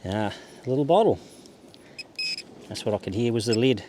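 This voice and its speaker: His medium-pitched voice has lively intonation and a normal pace. He is a metal detecting vlogger on a beach, casually narrating his search in an understated, laid-back manner and half talking to himself, with clear outdoor background noise.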